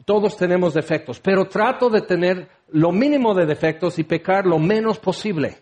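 A preacher with a fairly high voice for a man. He talks through his sermon casually, firing off rhetorical questions and slipping in wry asides. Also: normal speed, darkish tone. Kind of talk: conversational sermon.

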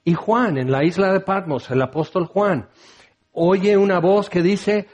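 Man preaching, fairly high voice. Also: unhurried, lo-fi sound. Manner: dramatic, swings between loud and hushed. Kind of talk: sermon.

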